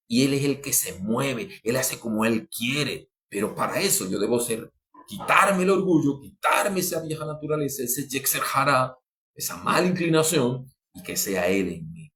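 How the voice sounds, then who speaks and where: Guy preaching a sermon, really fervent, voice jumps up then drops, keeps restarting lines. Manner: fervent, with sudden rises in pitch and loudness; repeats and restarts phrases, addresses the listener as beloved. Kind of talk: podcast sermon.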